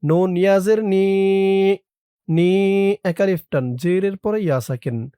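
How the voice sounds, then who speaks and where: A Quran teacher leads a recitation lesson, breaking each word into syllables before chanting it slowly and drawn out. Quicker, lower asides explain how each letter should sound. The voice is smooth and resonant, the overall delivery unhurried, and the recording dry and close. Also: dark tone, dry recording.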